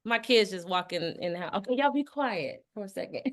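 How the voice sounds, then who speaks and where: A woman singer chatting casually from home on a video call, a bit hoarse with her morning voice and laughing self-consciously. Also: medium pitch, animated, fairly quick, fairly bright tone. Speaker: singer guest.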